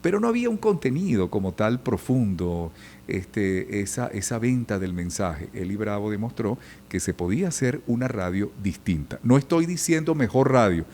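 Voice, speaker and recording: Low-voiced man telling stories in an interview. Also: normal speed, slight background noise. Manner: storytelling, animated, imitates old radio announcers. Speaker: journalist and radio announcer guest. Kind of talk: conversational podcast interview.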